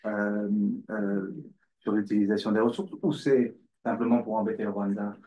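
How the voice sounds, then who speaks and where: Hesitant man, low and muffled. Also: little pitch movement, moderate pace, mellow. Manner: hesitant, many fillers. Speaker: audience member asking a question. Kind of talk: panel discussion question. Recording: dull lo-fi sound.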